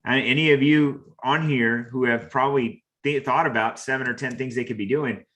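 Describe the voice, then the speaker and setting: A man's voice: mid-range voice, fairly even intonation, moderate pace, fairly bright tone. A man hosting a motivational talk, speaking earnestly and repeating phrases for emphasis. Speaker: host.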